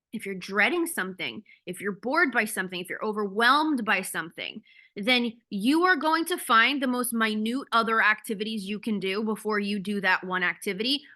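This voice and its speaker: A woman's voice: on the high side, sharp tone. A woman coach giving a casual, candid talk on a video call, blunt and swearing freely. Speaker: ADHD coach.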